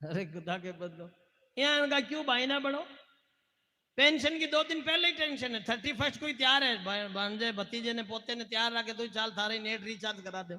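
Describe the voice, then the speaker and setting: High, piercing Marwari preacher. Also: male voice, moderate pace, bright, forceful tone, big-room sound. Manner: fervent, exhorting the crowd to respond. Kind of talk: sermon with sung verses.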